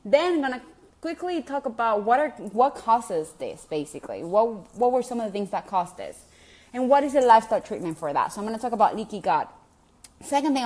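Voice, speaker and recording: A Venezuelan woman whose first language is Spanish talks with a Venezuelan Spanish accent, her voice a little high with a darkish tone. As a gut health coach, she speaks casually to camera for her online group, chatty and encouraging, with many ums and restarts.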